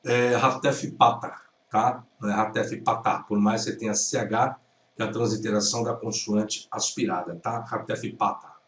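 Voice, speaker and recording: A man's voice: lowish voice, fairly even intonation, normal speed, fairly bright tone, slight background noise. A Brazilian man teaching Hebrew, correcting a video point by point and repeating the right pronunciations. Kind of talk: critical lecture commentary. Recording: roomy sound from a distance.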